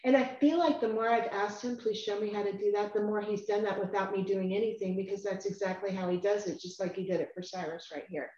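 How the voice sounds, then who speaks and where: A woman hosting a casual faith discussion, earnest and animated, rambling and at times dropping to a quiet tone. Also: mid-range voice, fast, few pauses. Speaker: Bible study host. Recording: echoey room, muffled lo-fi sound.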